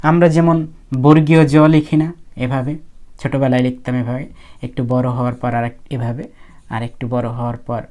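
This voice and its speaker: A woman's voice: rumbling low, little pitch movement, moderate pace, dark tone. A woman teaching how to write characters, explaining casually and thinking aloud as she goes. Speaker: language teacher.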